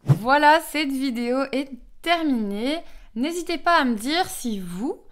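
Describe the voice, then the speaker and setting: A young woman from Belgium with a Belgian French accent, explaining as a French teacher to camera, with frequent hesitant fillers. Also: measured pace. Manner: frequent hesitant "euh" fillers, lively pitch swings.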